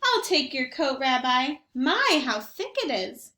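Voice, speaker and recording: A woman's voice: sits high, sing-song, slow pace, pushed and bright, reverberant, exaggerated voice. A woman voicing a kindly, fussing old grandmother who cannot see or hear well. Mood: fond. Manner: fond, fussing and sing-song. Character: kindly old woman, half blind and half deaf, chatty.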